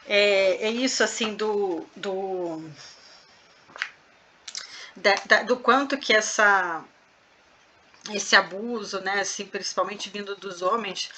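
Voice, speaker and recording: A woman's voice: mid-range voice, takes it slowly, long pauses, bright, forceful tone, a little hiss or hum. A woman in a casual online discussion, hesitant and searching for words. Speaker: reading group participant. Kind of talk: casual chat.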